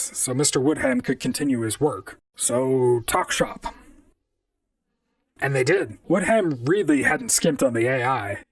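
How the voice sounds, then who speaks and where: In a radio-style audio drama, a wry, talkative, unflappable robot private detective delivers dry, conversational first-person noir narration in a polite, brisk mood. His pitch swoops widely over a gravelly, creaky edge. Recorded with a distant mic in a dry space with no echo, the voice sits slightly back from the microphone.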